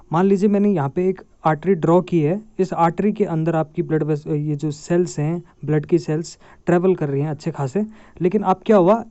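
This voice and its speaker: A young man teaches a medical lesson, posing questions and answering them himself. His voice sits a little high yet sounds mellow. The recording is dry and dull. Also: no echo. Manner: asks questions then answers them, addresses viewers as guys. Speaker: medical lecturer.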